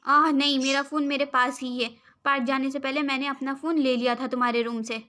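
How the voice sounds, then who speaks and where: Fiery young woman, scolding, high voice; storybook reading by a woman. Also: level tone, a little fast, pushed and bright. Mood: angry. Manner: scolding, demanding answers.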